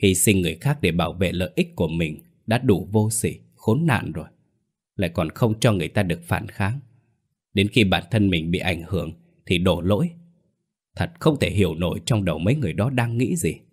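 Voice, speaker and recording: A man playing a stern, principled older father in a spoken ghost story, low-voiced and measured. He talks calmly and firmly, with a reproachful edge. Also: breathy edge. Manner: calm, firm and reproachful.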